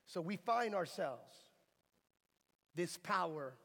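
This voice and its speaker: A middle-aged American man preaching a sermon, telling lively, humorous stories. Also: high voice, slow, creaky. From United States. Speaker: pastor. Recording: reverberant hall.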